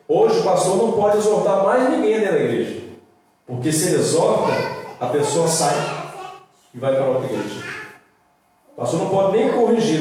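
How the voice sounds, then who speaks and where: A young-adult man with a Brazilian accent preaching a sermon, lively and swinging between loud and soft. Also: on the high side. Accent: Brazilian Portuguese. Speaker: pastor. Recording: roomy echo, distant mic.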